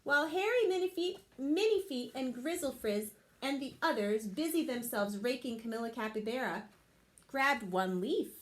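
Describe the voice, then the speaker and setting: Lively high-voiced woman teacher reading aloud. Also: moderate pace. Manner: expressive, lively storytelling. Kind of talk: reading a picture book aloud in a lesson.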